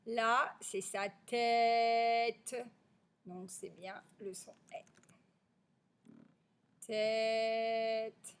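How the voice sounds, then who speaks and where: A woman's voice: mid-range voice, steady tone, sharp tone. A woman teaching a phonics review to young children. She stretches out the words and drops to a near whisper on the answers. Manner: slow, stretched-out sounding of syllables.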